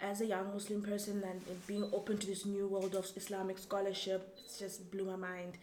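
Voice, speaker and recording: A young woman from Zambia, whose first language is Tumbuka, answering interview questions in a thoughtful, halting way with many restarts. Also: mid-range voice, monotone, a little mellow. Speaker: guest. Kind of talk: casual interview. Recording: echoey room, faint background noise.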